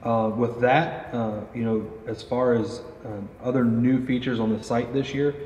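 Unhurried and a little mellow, a man's medium-pitched voice keeps fairly even intonation. He's in his thirties, a company pro staff interviewer casually questioning a guest and explaining archery gear at an indoor range for a product interview, with frequent fillers. The recording is roomy, dull and faintly noisy.

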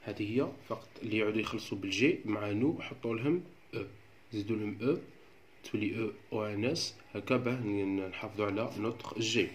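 A man's voice: fairly low pitch, fast talker, slight background noise. A man with an Algerian Arabic accent, teaching a French grammar lesson step by step in a patient way. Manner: patient, step-by-step explaining, often checks with "d'accord".

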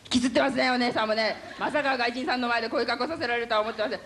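A woman's voice: fairly high pitch, rapid-fire, fairly bright tone, a little hiss or hum. A woman guest playing a comic fortune teller on a variety show. She talks in a hammy, mock-formal way and keeps mocking herself.

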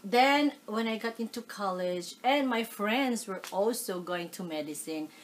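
Seated on a leather sofa in a living room, a middle-aged woman from the Philippines with a Filipino accent answers questions in a casual oral history interview. She is animated, gestures while talking and uses frequent fillers, her mid-range voice unhurried, with a little hiss or hum.

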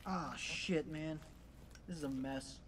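A man's voice: a little high, slow, fairly bright tone. An actor playing a grumbling, casual male paramedic in a film, with an offhand way of talking. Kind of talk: fan film acting. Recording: distant, faint background noise.

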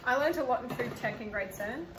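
A woman's voice: a little high, fast. Casting: young Australian woman, casual sweary kitchen chat, slightly distant mic under heavy clatter. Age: young adult. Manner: blunt, sweary. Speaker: home cooking vlogger. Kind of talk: casual chat while cooking. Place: small home kitchen, indoors. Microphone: camera a few feet away. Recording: echoey noisy kitchen, distant camera mic. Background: clattering dishes and pans.

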